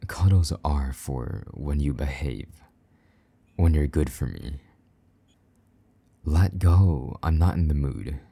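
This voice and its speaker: Here a man takes on the role of a jealous, possessive vampire knight in intimate audio roleplay. He murmurs low and drifts into soft whispers, teasing with a little gruffness. He goes slowly, leaves long pauses, and commits to a full, tender character voice.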